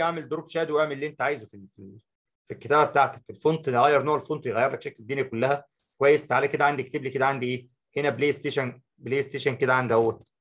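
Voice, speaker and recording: A man with an Egyptian accent teaching a software tutorial, talking the viewer through each step and repeating short phrases. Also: mid-range voice. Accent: Egyptian Arabic. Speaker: Photoshop instructor. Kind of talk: screen-recorded software tutorial.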